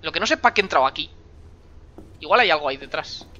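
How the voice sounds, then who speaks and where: Jumpy, lively Spanish gamer man. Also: on the high side, rapid-fire, highs cut off. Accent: Spain Spanish. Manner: jumpy, sarcastic running commentary with sudden screams. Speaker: gaming streamer. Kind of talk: horror game commentary.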